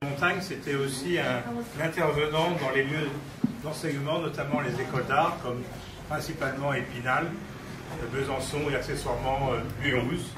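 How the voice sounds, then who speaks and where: A man's voice: medium pitch, steady tone, moderate pace, crowd noise. A man hosting a live poetry evening, introducing guests in a casual, hesitant way. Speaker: event organizer and host. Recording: echoey room, far from mic, noisy.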